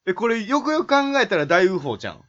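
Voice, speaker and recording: A young Kansai man chatting on a podcast, his voice bright and swinging wildly up and down in pitch. He jokes around and now and then bursts into loud mock-dramatic shouts. The sound is dull and lo-fi. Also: very animated, quick pace. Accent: Kansai Japanese. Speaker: podcast co-host. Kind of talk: casual chat.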